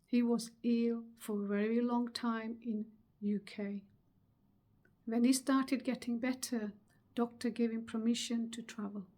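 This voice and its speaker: Slow, earnest middle-aged woman speaker. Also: fairly high pitch, little pitch movement, dark tone. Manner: slow, earnest, emphatic delivery with pauses. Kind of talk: motivational webinar talk.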